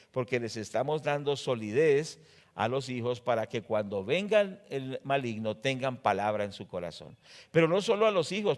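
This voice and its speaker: Colombian pastor preaching emphatically. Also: male voice. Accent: Colombian Spanish. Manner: emphatic preaching, rises loud on scripture quotes, drops low to explain; asks the congregation rhetorical questions. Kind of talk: sermon. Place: church.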